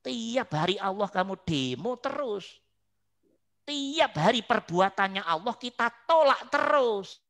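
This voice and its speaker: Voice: mid-range voice, big pitch swings, unhurried, fairly bright tone. A religious teacher, giving an online study lecture in emphatic, repeating rhetorical lines and putting questions to the listeners.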